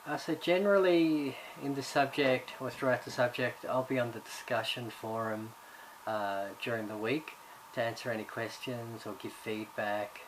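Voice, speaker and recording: The audio is poor, with background noise, as a man with a mid-range voice gives a recorded course introduction as subject coordinator. Originally from Ireland and raised in Australia, he keeps a moderate pace with few pauses but speaks hesitantly, full of fillers and restarts.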